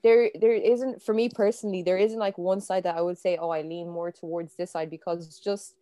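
A woman's voice: on the low side, steady tone, fairly quick, mellow, dry recording, studio quality. Young woman, thoughtful and hesitant. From Ireland. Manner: thoughtful, many fillers and restarts. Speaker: panel guest. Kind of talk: casual conversation.

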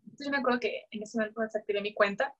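A woman's voice: a little high, racing, highs cut off. A young woman tells her faith testimony in a casual way. She often acts out her own past words and fills her speech with fillers and restarts. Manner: frequent fillers and self-corrections. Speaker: guest sharing a faith testimony.

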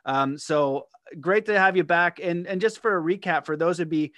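A man's voice: a little high, moderate pace, fairly bright tone, no room sound. A man hosting a podcast, talking in an earnest, promotional way with many fillers. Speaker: podcast host. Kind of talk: podcast intro and interview.

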